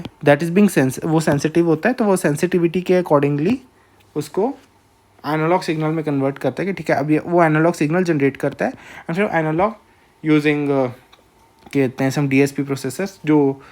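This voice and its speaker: A man with an Indian accent giving a recorded lecture, speaking slowly and deliberately, often pausing to check in with listeners. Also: a little high, darkish tone. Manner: slow, measured, with frequent filler checks.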